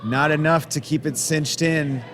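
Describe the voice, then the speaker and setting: A man's voice: fairly high pitch, fairly even intonation, a little slow, crowd noise. A man giving live wrestling commentary as an analyst, weighing up the wrestlers' tactics.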